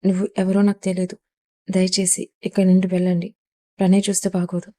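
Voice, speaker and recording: A woman's voice: on the low side, completely flat delivery, fairly quick, mellow, lightly acted. A woman voicing a frightened young wife in an audio story, speaking tensely and faltering.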